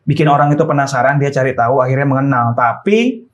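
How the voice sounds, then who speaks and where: A man's voice: mid-range voice, fast, dull audio. A man hosting a casual chat show, joking and chatty. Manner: chatty and joking, plays in a band himself. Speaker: show host.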